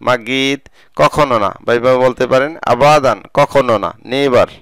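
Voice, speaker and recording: A man with a Bangladeshi Bengali accent gives a scripted vocabulary lesson, saying each word and then its meaning in slow, measured steps. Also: mid-range voice, a bit bright, clear, resonant tone, no echo, low-quality recording. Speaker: Arabic language teacher.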